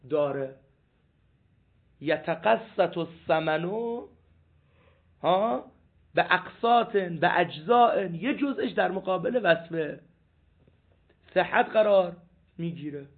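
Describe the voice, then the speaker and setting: A man whose voice sits on the high side, with vocal fry, teaches a seminary law class in this jurisprudence lecture. Captured with lo-fi, phone-like sound, he reads passages aloud, repeats points and animatedly puts questions to the class.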